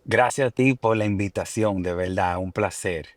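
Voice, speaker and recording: Man, from New York, musician guest, lowish voice, dry, relaxed, fillers. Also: normal speed, no echo. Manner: relaxed, mixes English words, many fillers. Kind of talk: interview answers.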